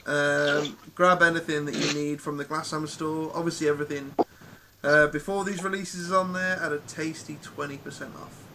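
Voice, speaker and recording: A man's voice: on the high side, fairly even intonation, normal speed, background noise. A man hosting a casual live chat, rambling with plenty of ums and restarts. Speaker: podcast host.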